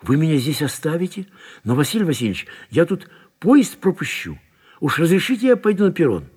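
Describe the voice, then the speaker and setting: An anxious older civilian pleads, his voice climbing high and loud into anguished cries. A man reading the story aloud acts him out. His pitch swings widely. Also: big pitch swings, a little fast, breathy edge, in a large hall. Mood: pleading.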